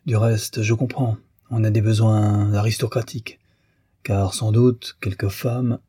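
A man plays a bitter young lawyer full of sarcasm and reproach, speaking low in a very dark, husky voice. The recording is dry and close. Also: little pitch movement, unhurried, dry recording.

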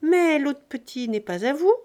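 A woman's voice: high-pitched, expressive, normal speed, darkish tone, pitched above the performer's own voice. A woman voicing a spoiled, tearful young rich lady who speaks in a trembling, broken voice.

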